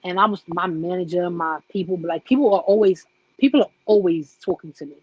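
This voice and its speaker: A woman's voice: on the low side, fairly quick, breathy edge, dry recording, lo-fi sound. Chatty woman in a casual vlog. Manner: chatty, animated storytelling with lots of "like".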